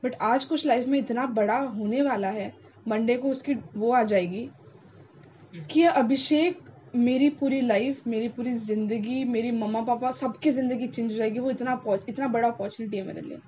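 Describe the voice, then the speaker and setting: A woman's voice: a little high, normal speed, dark tone. A young woman hosting a podcast, talking with passion and emphasis and slipping in English phrases, in a casual interview chat. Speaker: podcast host. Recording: dull lo-fi sound with faint noise.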